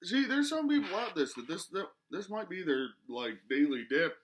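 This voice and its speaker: A man's voice: high voice, big pitch swings, normal speed. A man in his twenties chatting casually through a product review, speech slightly muffled by a lip full of dip. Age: 20s. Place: small living room, indoors.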